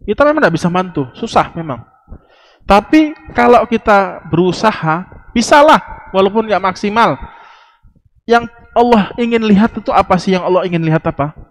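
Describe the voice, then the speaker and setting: A man with a fairly high voice teaches a study circle in an easy, conversational manner. He repeats key phrases to drive them home and slips into brief acted-out dialogues. He keeps the tone of an informal lesson. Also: animated, moderate pace, pauses often, a little hiss or hum. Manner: acts out short quoted exchanges. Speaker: religious teacher. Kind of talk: mosque study lecture.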